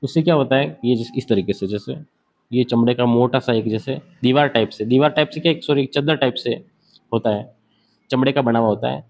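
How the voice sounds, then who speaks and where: A man's voice: medium pitch, fairly quick, a little mellow, muffled recording. A man giving an exam-prep lecture, asking questions and answering them himself while he sketches on a board. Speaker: teacher.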